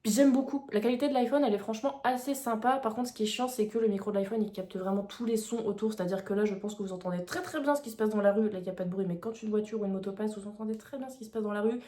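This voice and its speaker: Fast-talking young woman vlogging. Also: medium pitch, mellow. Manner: chatty, enthusiastic, slangy. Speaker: book vlogger. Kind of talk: casual vlog chat. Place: home, indoors. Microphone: phone mic. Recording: echoey room on phone mic.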